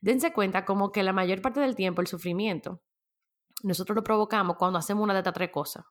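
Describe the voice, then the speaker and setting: A woman hosting a casual solo podcast, chatty and animated, laughing often as she talks. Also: mid-range voice, quick pace. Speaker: podcast host.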